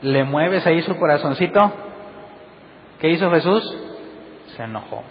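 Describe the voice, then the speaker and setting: A man's voice: a little high, expressive, measured pace. Preaching man in a reverberant hall. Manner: questioning, emphatic, acts out quoted voices. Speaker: pastor. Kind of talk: sermon. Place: church hall. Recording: long hall reverb, dull sound, faint noise.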